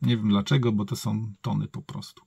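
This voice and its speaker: A man with a low-pitched-to-middling, creaky voice walks through a gadget in an informal review. He thinks aloud and corrects himself as he goes. The sound is close and dry, with a husky edge. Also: flat delivery, brisk, dark tone, no room sound. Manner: thinks aloud, colloquial, often self-correcting. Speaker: product reviewer. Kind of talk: casual hands-on gadget review, improvised.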